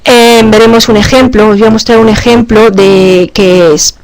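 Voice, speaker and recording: A woman's voice: on the high side, fairly even intonation, moderate pace, darkish tone. A woman teacher giving a conference talk on pronunciation teaching, speaking hesitantly with many fillers and restarts. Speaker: language teacher presenting.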